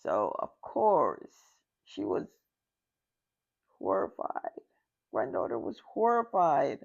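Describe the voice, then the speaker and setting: A woman's voice: very deep voice, wildly swooping pitch, slow pace, gravelly, highs cut off. A woman vlogger telling a casual story, drawing out her words and repeating key phrases.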